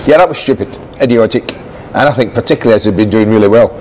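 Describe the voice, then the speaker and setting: A man's voice: lowish voice, very fast, a little mellow, slight background noise, low-quality recording. An older man giving blunt, opinionated football analysis in a TV studio on a lapel mic. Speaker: football pundit.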